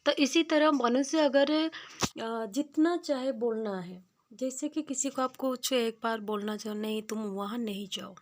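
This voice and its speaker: Homely village woman vlogging, slightly high. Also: unhurried. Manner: homely, repeats points, moralizing. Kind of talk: casual village vlog commentary. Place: village home outdoors.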